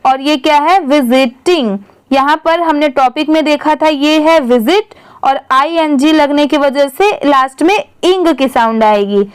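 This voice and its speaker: Slow, high-voiced woman teacher. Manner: patient, asks questions and answers them herself; reads English sentences very slowly, word by word. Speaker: English reading teacher. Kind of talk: reading lesson, spelling words letter by letter.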